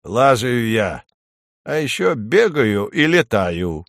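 A man doing a drowsy, slow flying squirrel. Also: mid-range voice, big pitch swings, a bit bright, dry recording, studio quality, heavily acted. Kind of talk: storybook reading.

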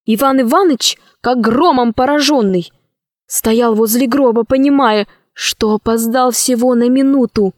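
A woman reading a children's fairy tale aloud in a slow, expressive way. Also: a little high, no echo, clean studio sound. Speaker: narrator.

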